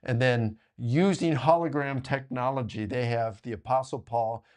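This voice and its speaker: As a guest author in a relaxed conversation, this medium-pitched man spins stories with animation and throws in quick asides.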